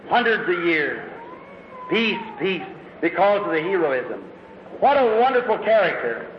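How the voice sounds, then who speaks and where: Man, very high voice, dramatic storytelling preacher, old lo-fi recording, echoing hall. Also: a little hiss or hum. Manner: dramatic storytelling, rising to shouts. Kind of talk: sermon. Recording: echoey hall, dull lo-fi recording.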